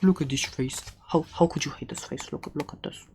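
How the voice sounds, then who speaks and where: Slipping often toward a whisper, the performer voices a furry animal shopkeeper for ASMR, halting and soft-spoken, sweet with an undercurrent of menace. The voice is natural and mid-range, with slight background noise, and the mood is affectionate and boastful.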